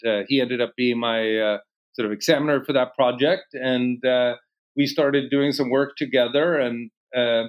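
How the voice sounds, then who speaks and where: A man in his fifties from Sweden, answering interview questions in a relaxed way with many pauses. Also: medium pitch, dull audio. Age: 50s. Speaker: guest.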